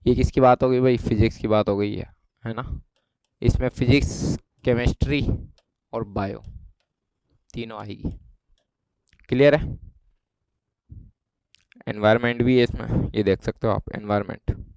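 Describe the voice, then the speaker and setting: Man, Rajasthani Hindi accent, exam-prep teacher, casual explaining, keeps asking "clear?", resonant, dry recording. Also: medium pitch, steady tone, unhurried, long pauses, darkish tone, no echo. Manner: chatty, keeps checking with students. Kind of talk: informal exam lesson.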